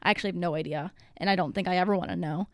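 A woman's voice: on the low side, racing, dry recording, clean studio sound. A young woman in her twenties hosting a casual solo podcast, rambling and chatty with plenty of fillers and the odd swear, a little out of breath. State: out of breath from caffeine. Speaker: podcast host.

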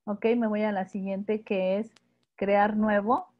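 A Mexican woman walks her audience through a live webinar one step at a time, patiently checking in with a quick "ok?". Her voice sits at a middle pitch for a woman. It comes through a video call with dull, lo-fi sound. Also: flat delivery. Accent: Mexican Spanish. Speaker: instructor.

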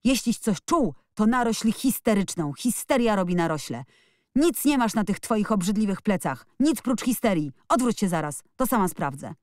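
A woman voicing a fierce, bossy little girl who scolds in sharp shouts. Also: medium pitch, sing-song, moderate pace, no room sound, studio quality, pitched above the performer's own voice, lightly acted. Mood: scolding.

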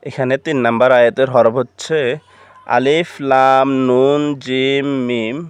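Male Quran teacher, Bangladeshi Bengali accent, steady monotone syllable drilling, dry close sound. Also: mid-range voice, clear, resonant tone, dry recording. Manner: rhythmic, repetitive, measured syllable drilling. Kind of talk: spelling out letters and syllables slowly for learners.

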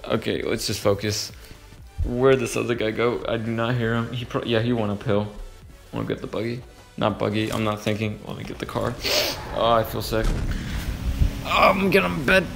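A young man casually commentating his own mobile game, muttering to himself with sudden excited yelps and growing frustration. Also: lowish voice, fairly quick, vocal fry, faint music behind. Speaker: gaming channel host.

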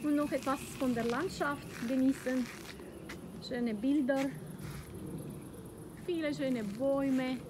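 Outdoors on a school playground at dusk, a high-voiced school director whose first language isn't German leads an improvised walking tour amid background noise. She is halting, full of fillers and self-corrections, and giggles.

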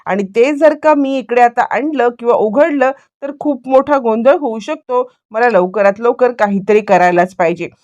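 A woman's voice: a little high, moderate pace, few pauses, darkish tone, lo-fi sound, close to an everyday voice. A woman voicing a scheming young woman who whines and complains. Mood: evasive. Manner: whiny, complaining.

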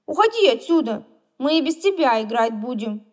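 Woman playing a cranky little boy, shouty and defiant, storybook. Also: sits high, big pitch swings, moderate pace. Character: small boy, quarrelsome and angry.

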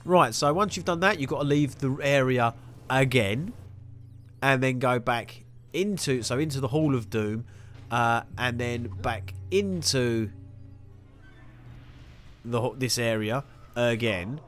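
With faint music in the background, a young gaming host talks slowly in a mid-range voice, leaving long pauses. His commentary is a casual, rambling walkthrough of a video game, jokey and peppered with self-mockery.

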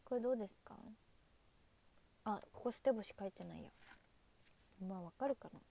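A woman's voice: medium pitch, expressive, a little fast, gravelly, dark tone. A young woman chatting casually on a livestream, thanking viewers by name and saying goodnight. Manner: chatty, reads viewer names and thanks them, waves goodbye. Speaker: idol livestreamer.

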